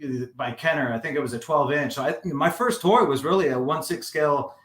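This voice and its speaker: A man in his forties, a guest collector, telling stories in a relaxed, rambling casual chat. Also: a little high, brisk. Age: 40s. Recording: roomy echo.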